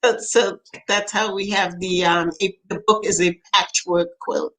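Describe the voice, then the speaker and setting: An older woman from Trinidad, a poet being interviewed, telling family stories with lively quoted voices. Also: mid-range voice, unhurried, poor audio. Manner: animated storyteller, acts out quoted voices, laughs often. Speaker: poet and author, interview guest. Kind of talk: storytelling in conversation.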